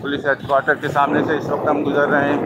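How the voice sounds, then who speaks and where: A man's voice: fairly high pitch, quick pace. Man narrating a motorbike tour in speech. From Pakistan. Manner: steady guided-tour commentary, naming buildings. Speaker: vlogger. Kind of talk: moto vlog tour narration. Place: outdoors on a motorbike on a city road. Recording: loud wind and traffic noise.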